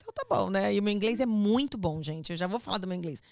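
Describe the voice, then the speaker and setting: A woman's voice: mid-range voice, expressive, quick pace, gravelly, a little mellow, no echo, clean studio sound. A woman with a Brazilian accent, a mother who gives advice in casual conversation, making her points emphatically and repeating them firmly. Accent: Brazilian Portuguese. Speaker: mother giving parenting advice. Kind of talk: casual podcast chat.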